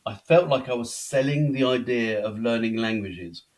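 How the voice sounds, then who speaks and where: A man's voice: mid-range voice, normal speed, darkish tone. A middle-aged man from Belgium, telling his life story as a guest in a conversational interview, chatty and self-deprecating. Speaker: podcast guest.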